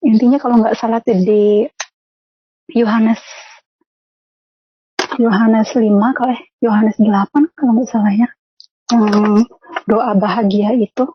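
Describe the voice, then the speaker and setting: A woman's voice: a little high, husky, no echo. A young woman telling her personal testimony in casual, earnest speech, often quoting herself and others in dialogue. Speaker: testimony guest. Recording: dull lo-fi sound, dry.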